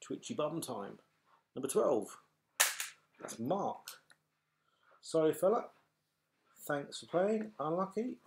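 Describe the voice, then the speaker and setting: A man's voice: a little high, sing-song, slow pace, vocal fry, pauses often. A middle-aged British man calling raffle balls like a bingo caller, chatty, matey and apologetic to the players. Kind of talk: bingo caller announcing numbers and names to players. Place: small furnished room at home, indoors. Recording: noisy home webcam recording with clatter.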